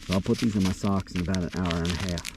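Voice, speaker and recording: A man casually narrating his camping vlog outdoors at night in an informal, halting, unhurried way. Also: sits low, steady tone. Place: outdoors at night in cold, snowy woods. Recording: noisy outdoor recording with rustling.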